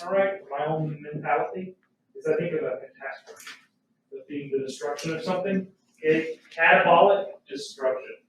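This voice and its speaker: Male science teacher, high voice, folksy lecture style, recorded from across a roomy classroom. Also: fairly bright tone, a little hiss or hum. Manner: folksy, asks the class questions. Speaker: biology teacher. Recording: roomy classroom audio from a distant mic.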